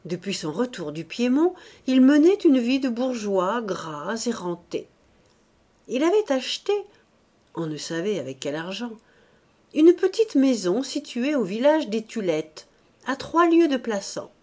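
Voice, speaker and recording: A woman reading a classic novel aloud as an audiobook narrator, measured and expressive. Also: fairly high pitch. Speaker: audiobook reader.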